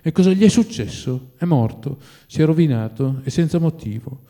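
A man voicing a curious, puzzled man of letters who asks quiet questions. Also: on the high side, expressive, moderate pace, lightly acted.

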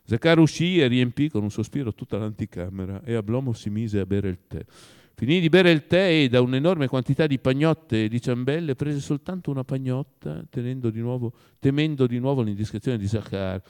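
A man narrating a classic novel as an audiobook, with expressive storytelling. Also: mid-range voice, a little fast, clean tone.

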